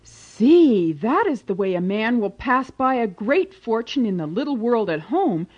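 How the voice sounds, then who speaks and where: Cheerful simple young man, woman's put-on voice, lively, a bit high. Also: unhurried, slightly rough, highs cut off, exaggerated voice. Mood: eager. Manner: exclaiming, eager.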